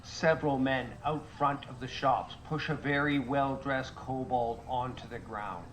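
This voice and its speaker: A man narrating a tabletop game recap as game master, in measured, even storytelling. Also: medium pitch, slight background noise, poor audio.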